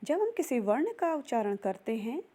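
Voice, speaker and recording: A woman's voice: on the high side, very animated, normal speed, warm tone. A young woman giving a recorded grammar lesson, spelling out sounds one by one. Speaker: teacher.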